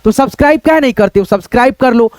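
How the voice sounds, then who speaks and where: A man's voice: extremely high pitch, racing, a little mellow, dry recording. A man teaching a casual video lesson, walking step by step through examples, often calling out to his viewers and asking them questions. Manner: repeats "dosto" and "dekho", asks the viewers questions.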